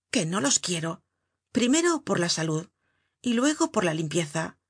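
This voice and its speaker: A bold, blunt young girl from a storybook, speaking with open defiance, as a woman reader puts her on. Her tone is low and slightly breathy, recorded close and dry. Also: no room sound.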